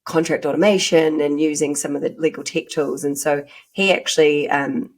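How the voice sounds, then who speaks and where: With a low, steady voice at normal speed, a woman from New Zealand chats as a podcast interview guest. Her New Zealand accent comes through as she talks informally and hedges her points.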